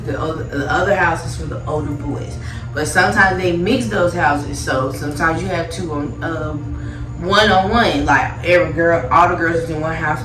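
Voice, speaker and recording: A tipsy, giggly woman telling a rambling story in a casual, sassy and blunt way. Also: on the low side. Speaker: storytime vlogger. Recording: roomy echo, distant mic, loud music behind.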